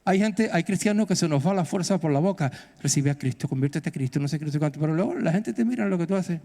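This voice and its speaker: Fervent preacher from Spain, echoing church. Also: male voice, expressive, fast, dark tone. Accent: Peninsular Spanish. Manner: fervent, exhorting, rising to high bursts. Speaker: pastor. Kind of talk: sermon. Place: church hall. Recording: echoey church hall.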